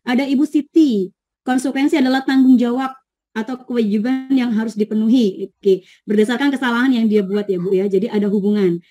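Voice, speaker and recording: Female trainer, fairly high voice, mellow tone, patient explainer. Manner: explains patiently, checks agreement, reads out participants' answers. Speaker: teacher training presenter. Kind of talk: online training session.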